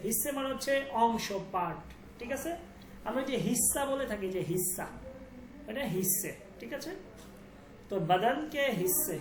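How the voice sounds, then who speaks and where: A woman teaching a language class, patiently repeating words slowly for her students. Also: on the high side. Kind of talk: online class lesson. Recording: echoey room with background noise.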